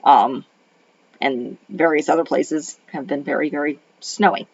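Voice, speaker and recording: This is a deep, somewhat dark voice, speaking a little slowly. It belongs to a middle-aged woman, a retired librarian and homeschool mom, who rambles through a casual movie review at home in Arizona with many ums and restarts while her voice is still off from a cold. Dull lo-fi audio.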